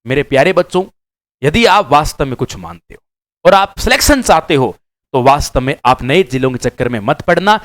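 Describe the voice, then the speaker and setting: A man's voice: on the high side, animated, brisk, fairly bright tone. A man teaching exam-prep students, lecturing straight to them emphatically and repeating key words for stress. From Rajasthan. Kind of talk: direct-to-camera lecture.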